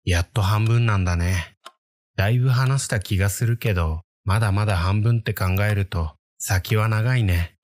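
A man's voice: fairly low pitch, moderate pace, darkish tone, no echo, pitched above the performer's own voice, natural voice. A man voicing a teasing, secretive boy who tells eerie ghost tales and talks straight to the listener. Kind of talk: conversational ghost story framing.

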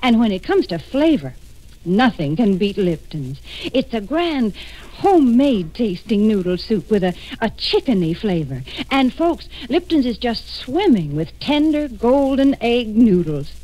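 A woman's voice: a little high, sing-song, measured pace, dark tone, low-quality recording. A woman doing scripted sponsor banter as a 1940s radio spokeswoman.

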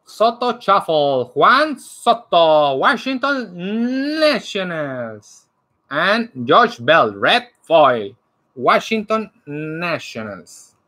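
Man, card break host, slow delivery, bright tone. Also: high-pitched. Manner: slow, animated name-by-name card announcing. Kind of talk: calling out cards during a live card break. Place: indoor room lined with card displays.

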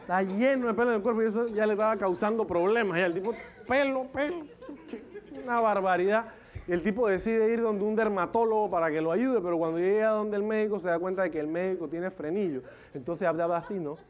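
A man's voice: sits high, fast. A man telling a joke on stage and acting out its characters, with the punchlines raised. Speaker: stand-up comedian.

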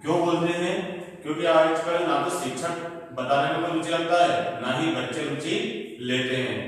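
Man, slightly high voice, slow deliberate chanting, far from the mic in a long-echo hall. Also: slight background noise. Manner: earnest, corrective questions to listeners. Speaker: instructor teaching mantra pronunciation. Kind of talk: pronunciation lesson with chanted verses.

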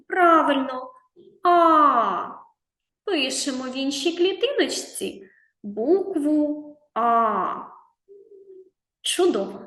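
A woman teacher talking slowly and coaxingly to small children in a reading and writing lesson. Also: high voice, a bit bright, roomy sound. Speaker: preschool teacher.

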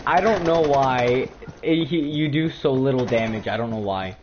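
A man chatting and shouting with friends during an online game, laughing often and getting exasperated. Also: medium pitch, normal speed, a little hiss or hum. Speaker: gaming channel host. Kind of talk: casual gaming chat with friends. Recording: dull lo-fi voice chat.

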